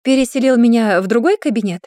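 A woman's voice: a little high, fast, dark tone, no echo, clean studio sound, pitched above the performer's own voice, lightly acted. A woman reading a storybook voices a defensive young woman who answers curtly and bitingly. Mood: defiant. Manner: curt, biting and defiant.

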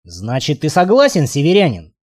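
A man's voice: a little high, huge pitch swings, moderate pace, darkish tone, slightly rough, heavily acted. A man voicing a cold, mocking male vampire lord in an audiobook, with a smirking, drawling delivery. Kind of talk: audiobook character voice.

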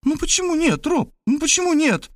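A brash, slangy eighteen-year-old girl, as a male narrator puts her on in a high, bouncing voice. She chatters on and wheedles without letup. The read is close and dry. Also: sing-song, moderate pace, dry recording. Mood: insistent. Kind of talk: audiobook character voice.

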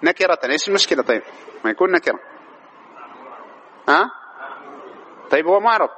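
Fast, high-voiced male teacher. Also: big pitch swings, sharp tone, slight background noise, poor audio. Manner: quizzes students with repeated questions. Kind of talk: grammar lesson.

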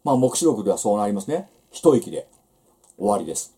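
Male Bible lecturer, seminar style, animated pitch, conversational asides. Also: brisk. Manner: conversational teaching with rhetorical asides.

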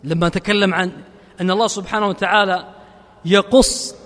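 A man preaching with a Gulf Arabic accent, chanting verses slowly and then explaining them in quick, casual asides. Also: high-pitched, steady tone, a bit bright. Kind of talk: sermon. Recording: long hall reverb.

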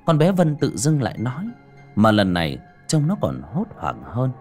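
A man's voice: mid-range voice, wildly swooping pitch, normal speed, a little mellow, faint music behind. A man narrating a spooky story as an audiobook, dramatic and building suspense.

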